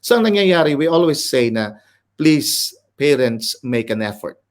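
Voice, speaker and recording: A middle-aged Filipino-accented man, an educator guest in an interview, explains ideas in a lecturing way, switching between English and Filipino. His mid-range voice is sing-song at normal speed.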